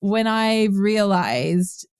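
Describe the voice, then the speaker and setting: A woman's voice: medium pitch, lively intonation, extremely slow, clean tone, dry recording. Laughing, chatty woman host, dry sound. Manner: chatty, laughs often, many restarts and fillers. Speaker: podcast host. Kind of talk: casual interview chat.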